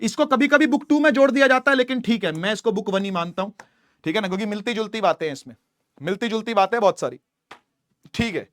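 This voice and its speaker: Man, physics teacher, very high voice, chatty lecture, dry close sound. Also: lively intonation, fast, no room sound. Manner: chatty, addresses students as beta, repeats "theek hai". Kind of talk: online class lecture.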